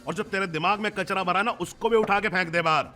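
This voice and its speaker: A man's voice: fairly high pitch, very animated, normal speed, fairly bright tone, faint music behind. An actor playing a breezy, stingy male friend who brushes off worries. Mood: scolding. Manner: breezy, dismissive. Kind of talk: film dialogue.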